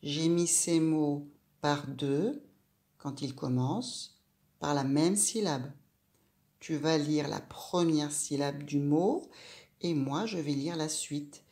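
A woman teaching a reading lesson to a young child, sounding out syllables slowly and clearly and asking the child questions. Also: low voice, darkish tone. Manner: slow, clear, syllable by syllable, addressing the child directly.

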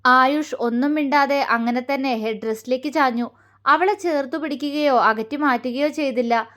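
Female storyteller, high voice, calm steady narration of a romance serial. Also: moderate pace.

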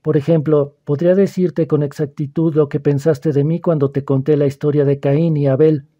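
A man reading the part of a calm, persuasive schoolboy who probes another boy's fears, in an audiobook. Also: a little high, moderate pace, dull audio, close to an everyday voice. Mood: calm, probing. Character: calm, probing, mysterious older schoolboy.

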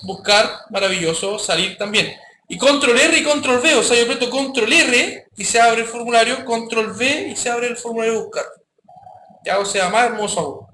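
A man teaching a coding class, his voice high and bright. He speaks casually and keeps checking that the students follow. The sound is echoey, with faint background noise. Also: moderate pace. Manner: casual, addresses students directly with frequent checks. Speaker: programming teacher. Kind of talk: live classroom coding lesson.

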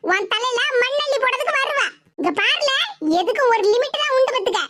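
A performer voicing a sharp-tongued middle-aged mother in an animated comedy, with a Tirunelveli Tamil accent and a nagging, scolding manner. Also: extremely high pitch. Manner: nagging, scolding, rapid complaints. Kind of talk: animated comedy sketch voice acting. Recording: loud background hiss.

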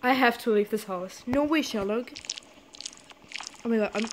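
A woman's voice: on the high side, normal speed, heavy background noise. A woman commentating on a horror game, swearing a lot, laughing easily and talking to her chat. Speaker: gamer streaming a horror game. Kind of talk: casual gameplay commentary.

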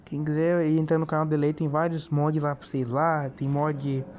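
A man's voice: fairly high pitch, level tone, moderate pace, a little mellow, a little hiss or hum. A man with a Brazilian accent casually talking viewers through a phone tutorial in a chatty, informal way. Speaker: tutorial host. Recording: dull lo-fi phone screen-recording audio.

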